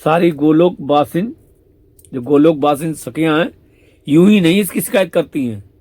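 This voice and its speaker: A man's voice: on the high side, moderate pace, a little mellow, no room sound, close to an everyday voice. A man voicing Radha as a divine young woman complaining indignantly.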